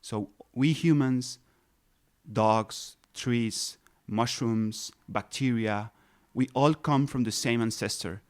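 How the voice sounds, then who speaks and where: A man's voice: medium pitch, takes it slowly, a little mellow. A man in his thirties, raised in Colombia, patiently explaining his research as a guest in an interview, with frequent restarts and fillers. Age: 30s. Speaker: ecologist guest.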